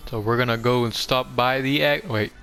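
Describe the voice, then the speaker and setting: Over background music, a young adult man hosting a gaming video rambles through a casual game tour with self-deprecating humor. His voice is medium-pitched, bright, and forceful, with fairly even intonation and a moderate pace.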